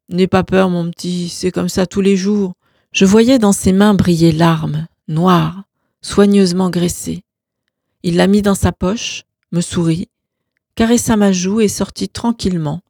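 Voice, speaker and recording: Calm, low-voiced woman reading a novel. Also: vocal fry, dry recording, studio quality. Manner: calm, even storytelling. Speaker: audiobook narrator. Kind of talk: novel read aloud.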